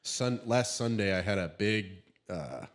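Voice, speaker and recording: On a casual podcast, a young co-host with a low voice chats with lively intonation, his nose slightly stuffed up from allergies. He speaks in halting bursts, leaning on fillers and restarting his thoughts.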